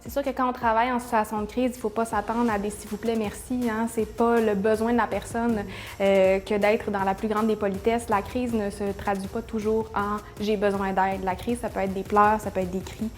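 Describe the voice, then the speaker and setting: A woman's voice: medium pitch, flat delivery, normal speed, soft background music. A woman with a Québécois accent who works at a shelter, answering interview questions in an earnest way. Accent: Québécois French. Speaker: shelter worker.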